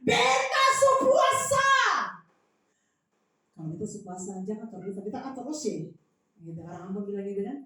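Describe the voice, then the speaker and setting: Woman preacher in a booming echoey hall. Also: very fast. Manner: lively, animated storytelling with swings in loudness. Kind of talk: sermon. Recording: very echoey hall, mic from a distance.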